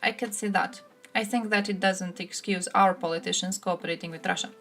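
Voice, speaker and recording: Blunt woman with a gravelly voice. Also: mid-range voice, steady tone, fairly quick, fairly bright tone, faint music behind. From Croatia. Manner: blunt, sarcastic, swears freely. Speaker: streamer. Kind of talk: live-stream political commentary, answering chat.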